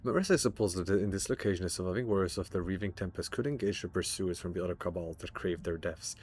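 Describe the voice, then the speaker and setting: Low-voiced rambling male streamer. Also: quick pace, a little mellow, slight background noise. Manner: rambling, stammering, profane and joking. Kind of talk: casual game livestream chat.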